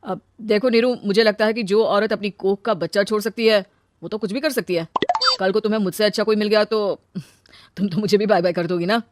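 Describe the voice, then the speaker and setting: A woman voicing a smooth-talking young man who turns cold and selfish, in a cartoon story. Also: medium pitch, steady tone, a little fast, natural voice. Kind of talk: cartoon voice acting.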